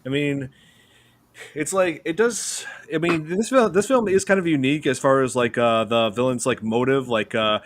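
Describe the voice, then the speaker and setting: A man's voice: mid-range voice, moderate pace, no echo. A man hosting a horror movie podcast, talking casually and rambling with many hesitations. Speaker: podcast host. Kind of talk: casual chat.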